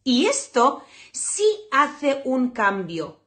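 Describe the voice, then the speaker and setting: A fairly high-voiced woman leads a dog training class. She talks in an animated, blunt way, swears freely and acts out the scenes she describes. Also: very slow. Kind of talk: lively spoken lesson.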